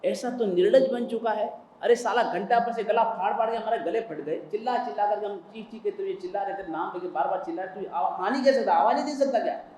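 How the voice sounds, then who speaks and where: A man voicing an exasperated, furious middle-aged father who scolds his son in a rapid, shouting rush. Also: high voice, reverberant, slight background noise, natural voice.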